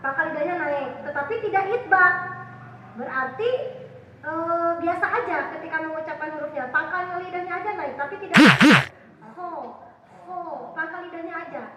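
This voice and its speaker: A woman teaching a class. She quizzes her students and repeats sounds slowly to demonstrate them. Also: very high voice. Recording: echoey hall, far from the mic, dull sound.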